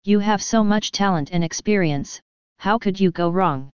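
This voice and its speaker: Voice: mid-range voice, normal speed, smooth, dry recording, highs cut off, lightly acted. A humble, encouraging blacksmith, as a preacher puts him on.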